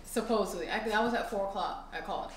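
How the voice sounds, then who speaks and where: A young woman chatting casually to her viewers in a home vlog, expressive and talkative. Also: medium pitch, fast talker, noisy background. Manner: chatty and expressive, talks straight to viewers as "y'all". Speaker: vlogger. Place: at home, indoors.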